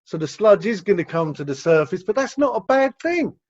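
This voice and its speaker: A man with an English accent speaks in a high, sing-song voice at a slightly quick clip, answering questions as a rehab director on a video call. He explains at length and repeats words as he goes, and the audio has the dull, lo-fi quality of a video call.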